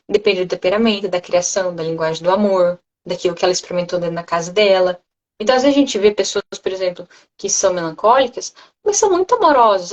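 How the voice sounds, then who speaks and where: A woman's voice: mid-range voice, low-quality recording. A woman with a Brazilian Portuguese accent, explaining parenting ideas in conversation and acting out children's voices as she goes. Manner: animated, acts out children's voices. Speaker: guest speaker on parenting.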